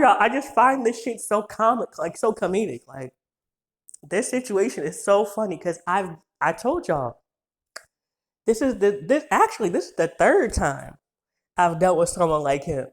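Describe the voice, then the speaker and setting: A woman's voice: mid-range voice, lively intonation, moderate pace. A woman in her twenties ranting through a casual storytime video, cursing freely, rambling, and laughing often. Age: 20s. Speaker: vlogger.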